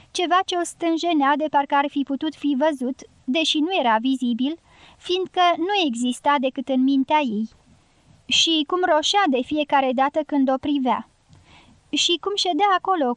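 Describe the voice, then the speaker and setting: A woman with a high voice reads a novel aloud in a measured, literary way. The sound is close and dry, with no room around it. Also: no room sound. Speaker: audiobook narrator. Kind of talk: scripted audiobook narration.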